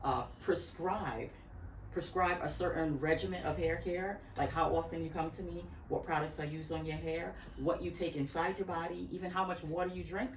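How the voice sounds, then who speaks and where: A woman's voice: fairly low pitch, fairly even intonation, normal speed, slight background noise. A woman in her fifties, originally from Barbados, talking in an interview at her home workspace; she speaks reflectively, rambling with restarts and occasional laughs. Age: 50s. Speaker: interview guest, natural hair care practitioner. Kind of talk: casual interview talk. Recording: echoey room, far from the mic.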